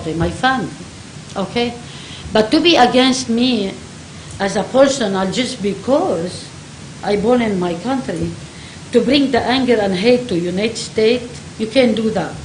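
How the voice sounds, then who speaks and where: A woman's voice: fairly high pitch, reverberant, a little hiss or hum, rough recording. A woman from Lebanon with a Lebanese accent, giving an impassioned public comment at a county board meeting in broken, repetitive English. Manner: emphatic, broken English, repeats herself.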